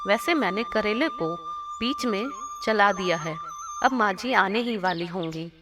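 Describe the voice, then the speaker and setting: Naive young cartoon bride voiced by a woman, innocent and literal, over loud backing music. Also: medium pitch, huge pitch swings, a little slow. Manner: innocent, literal-minded questioning. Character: young foolish daughter-in-law, naive and literal.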